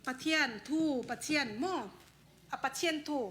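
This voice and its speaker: A woman's voice: moderate pace, sharp tone. A woman preaching a sermon in a conversational way, dropping in English words now and then.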